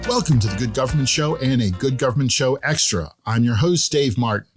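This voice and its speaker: A man's voice: mid-range voice, brisk, over music. Folksy male podcast host. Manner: friendly, folksy, jokes lightly. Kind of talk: scripted podcast narration and interview.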